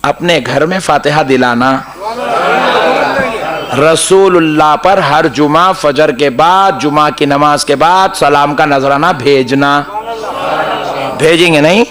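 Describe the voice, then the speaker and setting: A man's voice: a little high, takes it slowly, pauses often, a crowd in the background. A man with a Hyderabadi Urdu accent giving a humorous sermon, telling stories, mimicking others and chanting Quran passages. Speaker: preacher.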